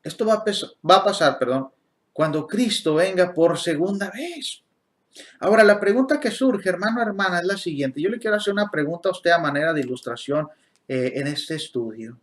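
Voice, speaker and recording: A man with a slightly high voice teaches a Bible study lesson. He explains the meanings of words, puts questions straight to his listeners, and stops now and then to correct himself. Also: expressive, moderate pace.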